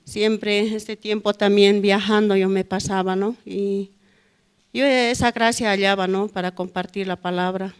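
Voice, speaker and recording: A woman's voice: medium pitch, steady tone, measured pace, clean tone. A middle-aged woman gives a spoken testimony at a church prayer service, ending nearly every phrase with a questioning "no?". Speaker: church member giving testimony. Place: church hall.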